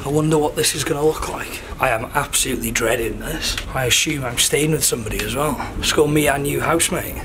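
A man's voice: medium pitch, fast talker, hardly any pauses, crowd noise. A young Welsh man from the UK filming a casual travel vlog, chatty and upbeat, talking to a handheld camera on a cruise ship. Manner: chatty, upbeat, thinking aloud while walking. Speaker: travel vlogger. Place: cruise ship decks, cabins and bar. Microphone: handheld camera at arm's length.

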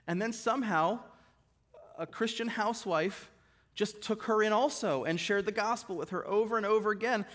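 A middle-aged man preaching a sermon in a church, retelling stories and dropping his voice low and soft for quoted lines. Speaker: guest preacher. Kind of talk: sermon with storytelling. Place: church sanctuary.

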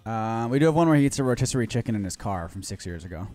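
Lively, blunt man chatting on stream. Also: lowish voice, racing, faint music behind. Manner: blunt, swears often, lively. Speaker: co-host reacting to videos. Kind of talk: casual stream chat.

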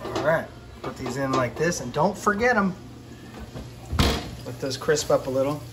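Amid background noise, a man in his forties films himself on a handheld phone cooking fish in his home kitchen for his fishing vlog. His mid-range voice moves at normal speed as he chats in a relaxed way.

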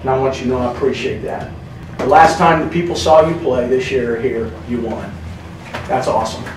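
A man's voice: mid-range voice, a little fast. A man, a basketball coach, giving an earnest locker room speech to his team, repeating phrases for emphasis. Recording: echoey room, distant mic, faint noise.

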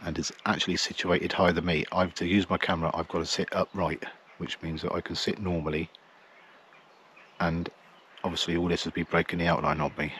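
A middle-aged man with an English accent talks through his setup in a chatty, matter-of-fact way. His voice sits low and stays flat. He is outdoors with the camera at arm's length, faint birdsong and insects behind him. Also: brisk, slight background noise. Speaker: wildlife photographer. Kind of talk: casual outdoor vlog narration. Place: outdoors in a field by trees.

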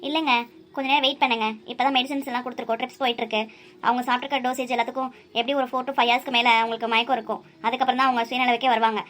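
A woman voicing a calm, firm hospital doctor in a cartoon, speaking in a measured, reassuring way. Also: fairly high pitch, voice pushed down, close to an everyday voice. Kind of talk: cartoon voice acting.

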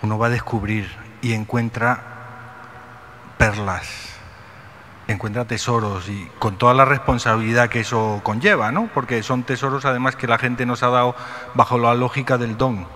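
A man's voice: medium pitch, fairly even intonation, moderate pace, bright, forceful tone. A middle-aged man giving a reflective conference lecture at a podium microphone, asking rhetorical questions. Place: large ornate hall, indoors. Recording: long hall reverb, faint noise.

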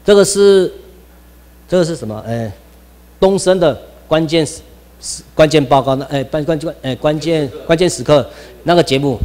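Man, Taiwanese Mandarin accent, informal lecture, rambling with restarts, slightly high voice, long room reverb. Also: brisk, a little mellow. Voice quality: rambling, many restarts and exclamations.

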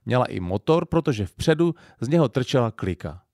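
A man with a Silesian accent reading an audiobook in an expressive storytelling style. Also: mid-range voice, no room sound, studio quality. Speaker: audiobook narrator. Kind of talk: scripted narration.

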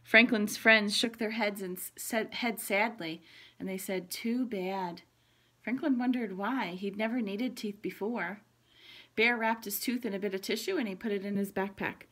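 A woman, a pre-K teacher, reading a picture book aloud to children, explaining the pictures gently. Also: medium pitch, fairly even intonation, moderate pace.

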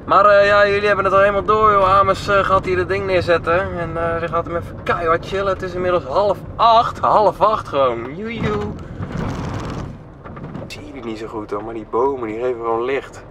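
Speaking at a normal speed in a high, sharp-toned voice, a young man chats cheerfully to viewers in a travel vlog and makes playful mouth sound effects. The handheld camera recording, made in a car and outdoors, carries slight background noise and music beneath him.

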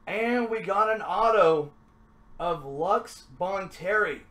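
A man's voice: high-pitched, expressive, slow pace, fairly bright tone. Chatty man opening trading cards. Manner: chatty, upbeat, drops into mumbling asides. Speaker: card break host. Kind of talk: casual card-opening commentary.

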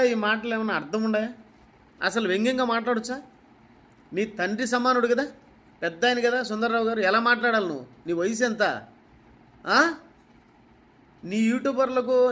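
A man from Kadapa with a Kadapa Telugu accent, a preacher scolding a rival with rapid rhetorical questions and repetition. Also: high-pitched, a bit bright. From Kadapa, Andhra Pradesh. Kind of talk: confrontational rebuttal speech.

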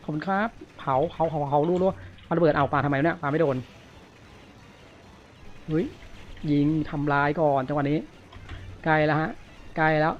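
A man giving casual gameplay commentary, excitable, often exclaiming and groaning. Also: on the high side, normal speed, pauses often, a little hiss or hum. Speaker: gamer. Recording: dull lo-fi audio with game music. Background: game music.

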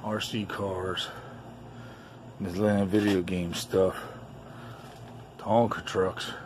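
A deep-voiced middle-aged man speaks very slowly, with little pitch movement. He collects toys, owns a store, and hosts a vlog, where he casually shows things off in short, folksy, offhand phrases. A handheld phone behind the camera records him outdoors in a backyard and cluttered storage shed, with obvious noise.

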